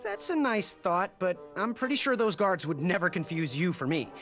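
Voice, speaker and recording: A man's voice: high-pitched, big pitch swings, moderate pace, a bit bright, faint music behind, full character voice. An actor playing a good-natured young male knight in a video game, wry and a little hesitant.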